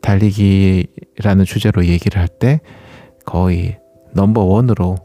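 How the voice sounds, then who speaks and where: A man's voice: sits low, fairly even intonation, a little slow, warm tone, soft background music. A man hosting a running talk, speaking casually and politely as he explains things to listeners and puts questions to them. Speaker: running channel host.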